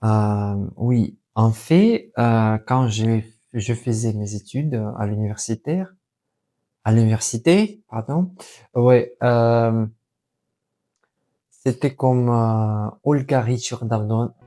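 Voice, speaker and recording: A young man with a Russian accent, talking casually to his vlog in halting non-native French, searching for words and correcting himself. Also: mid-range voice, mellow. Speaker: vlogger and language learner. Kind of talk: casual unscripted vlog talk.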